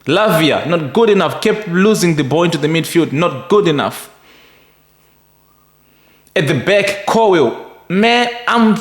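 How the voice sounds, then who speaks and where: A young man giving a frustrated, emphatic football match review, repeating his points. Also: high voice. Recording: echoey room.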